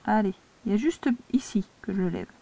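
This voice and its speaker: Une institutrice française qui explique l'écriture cursive à de jeunes élèves, pas à pas et avec patience. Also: female voice, medium pitch, animated, vocal fry, mellow, slightly rough. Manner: slow, patient step-by-step instruction. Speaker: primary school teacher. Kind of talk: handwriting lesson for young children.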